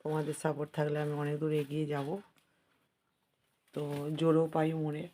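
Hoarse lady talking to her viewers while she cooks at home, low and kinda flat. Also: brisk, slight background noise. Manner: chatty, addresses viewers as friends. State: hoarse from a cold. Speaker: vlogger. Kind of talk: casual home vlog chat. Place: home kitchen.

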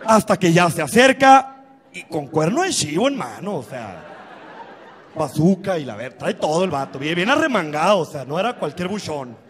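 Animated crude-talking Mexican comedian. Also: male voice, on the high side, normal speed, big-room sound. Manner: crude, profane, animated, laughing storytelling. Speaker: stand-up comedian. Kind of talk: stand-up comedy storytelling.

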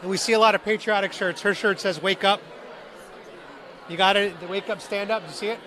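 A chatty young man talks straight to his viewers during a live vlog, holding an interview mic. His voice is high and bright. A crowd murmurs in the big indoor hall around him. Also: steady tone, a little fast. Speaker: street interviewer and livestream host. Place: large indoor public meeting hall. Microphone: handheld interview mic.

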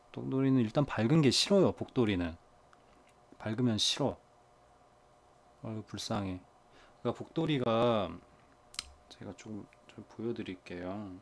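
A man chatting casually to viewers while tending his small pets at home, often dropping to a soft coaxing murmur. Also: medium pitch. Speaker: pet vlogger.

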